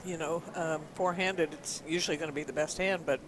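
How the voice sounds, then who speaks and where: A man's voice: fairly high pitch, fairly even intonation, a little fast, noisy background. A man commentating live poker from a booth, talking through the players' decisions in an analytical way, often adding "you know".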